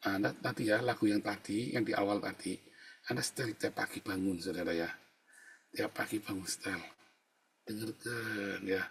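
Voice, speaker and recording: A middle-aged male pastor giving an informal, chatty sermon, telling stories, often addressing listeners as brothers and sisters, and rising to loud indignant emphasis. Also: lowish voice, fairly even intonation, moderate pace, a little hiss or hum. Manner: chatty storytelling, often adds "saudara ya".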